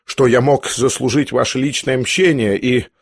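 A man's voice: medium pitch, fairly even intonation, moderate pace, no room sound, studio quality, lightly acted. A man voicing a trembling, feverish young man who is sick, bitter and defiant, in an audiobook. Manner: shaky, bitter, challenging.

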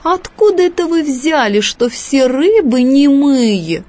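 A woman's voice: sits high, very animated, slow, a little mellow, pitched above the performer's own voice, exaggerated voice. A woman putting on a huffy haughty big fish. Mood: curious. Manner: huffy, indignant, snorting. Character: big prim touchy fish, fussy and haughty. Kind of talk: storybook reading.

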